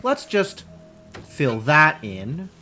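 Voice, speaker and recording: A man's voice: fairly high pitch, huge pitch swings, drawn-out words, music in the background. A man giving casual gameplay commentary, thinking aloud as he plays. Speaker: gamer playing and commentating. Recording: clear background noise.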